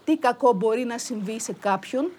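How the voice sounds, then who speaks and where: Storybook hunter, a grown man, gentle and eager, coaxing; a woman narrator puts him on. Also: a little high, lively intonation, slightly rough, voice pushed up. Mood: curious. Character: lonely male hunter, eager and tender suitor.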